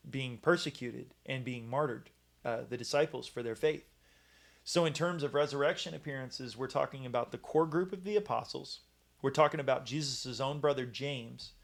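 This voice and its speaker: Halting man giving a Bible talk. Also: mid-range voice, creaky. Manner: halting, many fillers and restarts. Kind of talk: casual Bible teaching talk.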